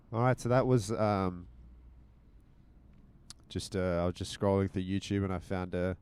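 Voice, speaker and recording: Low-pitched and smooth, a bit mellow, the host speaks a little slowly and leaves long pauses. He's in his car, rambling casually for his podcast and teasing with mock sternness, using a handheld mic and headphones.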